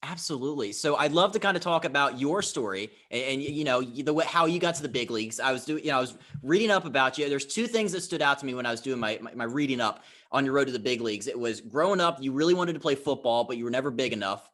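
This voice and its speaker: Quick-talking male podcast host. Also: mid-range voice, lively intonation, a bit bright. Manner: enthusiastic, filler-heavy questions. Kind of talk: casual interview.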